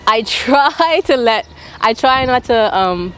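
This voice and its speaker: A woman's voice: on the high side, lively intonation, slow, a bit bright. A woman with a light Bermudian accent talking casually in an interview, correcting herself as she goes. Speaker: spoken word performer being interviewed. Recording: faint outdoor traffic noise. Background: faint traffic and outdoor ambience.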